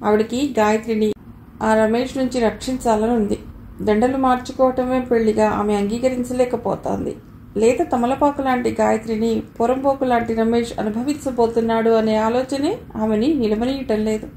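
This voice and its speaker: A woman narrating a novel for an audiobook in steady, measured storytelling. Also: a little high. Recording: roomy with faint hiss.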